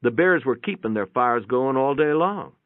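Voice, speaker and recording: A man reads a first-person story aloud in a folksy, plainspoken, dramatic style, his mid-range voice animated and at normal speed. The recording is dry with no room sound, and the narrow, tinny, band-limited audio sounds like radio.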